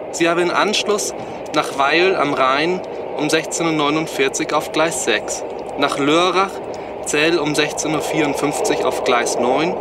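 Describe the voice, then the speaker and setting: An actor playing a train conductor, making a formal, measured train loudspeaker announcement. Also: male voice. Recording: distant voice over loud train noise. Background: rumbling train and outdoor ambience.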